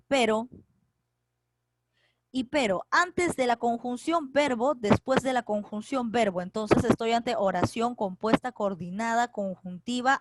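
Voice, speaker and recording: A woman's voice: on the high side, noisy background. A woman teaching an online grammar lesson, patiently explaining step by step and asking rhetorical questions. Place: home, recorded for a virtual class.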